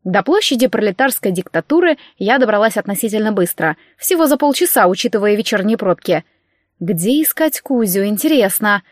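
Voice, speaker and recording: A woman narrating a novel in first person with lively, wry storytelling. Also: mid-range voice, brisk, no room sound, studio quality. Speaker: audiobook narrator.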